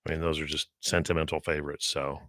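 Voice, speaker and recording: Man, very low pitch, bright tone, casual morning radio host, close dry sound. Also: level tone, fast, no room sound.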